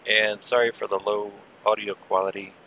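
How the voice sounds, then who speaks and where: A man giving casual, rambling live gameplay commentary with muttered asides, heard through low-quality stream audio from an old headset. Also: flat delivery, normal speed, bright, forceful tone, a little hiss or hum. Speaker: game server streamer.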